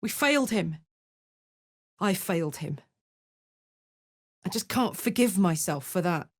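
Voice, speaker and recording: This dry, close recording features a brash warrior woman from a fantasy video game, salty and blunt yet big-hearted and earnest. She speaks unhurriedly with lively, wide pitch swings, carrying a mood of grieving resolve.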